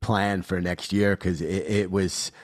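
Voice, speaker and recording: A man's voice: sits low, little pitch movement, a little slow. A man from New York with a Queens accent, hosting a conversational interview. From New York City. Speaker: interviewer, podcast host.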